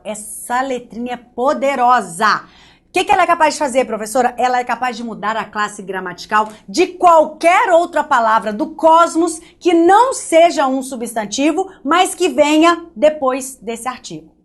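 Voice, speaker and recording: A woman from Brazil teaching an online grammar lesson, lively and joking, speaking straight to the student. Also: on the high side.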